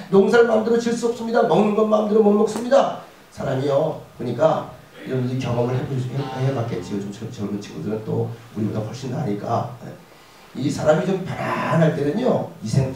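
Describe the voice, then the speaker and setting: A male pastor giving a lively chapel sermon to students, acting out prayers and quizzing the audience. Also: on the high side. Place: school chapel. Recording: echoey hall, mic from far off.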